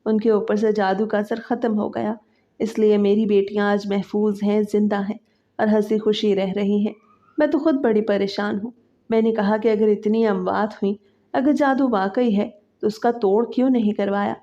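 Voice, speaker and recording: Mellow-voiced woman narrating an emotional story. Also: mid-range voice, flat delivery, lo-fi sound. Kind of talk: first-person dramatic story narration.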